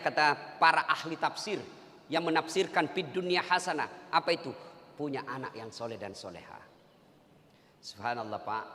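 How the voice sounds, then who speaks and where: A man's voice: high-pitched, pushed and bright. A male preacher giving a humorous sermon, joking and addressing the men in the congregation directly. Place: mosque hall. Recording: echoey hall reverb.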